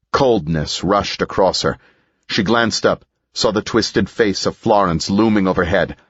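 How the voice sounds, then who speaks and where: Man, audiobook narrator, very deep voice, dull lo-fi sound. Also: no room sound.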